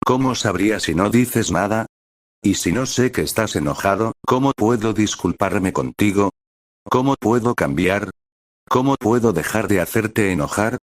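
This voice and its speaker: A doting young husband who teases and coaxes in an earnest way, as a male narrator reads him. The voice is very deep. The audiobook recording is dry, with no room sound. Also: animated, moderate pace, no room sound, natural voice. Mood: coaxing. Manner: earnest, coaxing.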